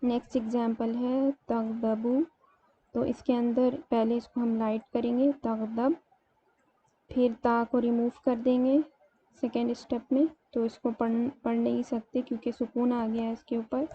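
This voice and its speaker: Brief: woman teacher, patient step-by-step explainer, higher voice, narrow flat intonation, dull lo-fi recording. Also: slightly rough. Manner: explains step by step, slows to spell out words. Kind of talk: grammar lesson. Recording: dull lo-fi sound, faint room noise.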